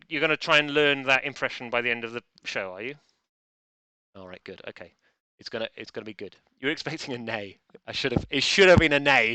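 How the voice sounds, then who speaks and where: Bright, crisp-voiced male quiz host. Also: medium pitch, no room sound. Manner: chatty, playful, bumbling with restarts. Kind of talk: live-streamed quiz hosting.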